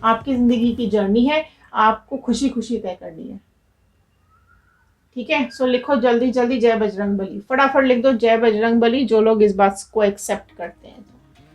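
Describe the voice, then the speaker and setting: A woman's voice: fairly high pitch, measured pace, darkish tone, faint music behind. A woman doing a tarot reading, urging viewers in a direct, motivational way. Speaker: tarot reader.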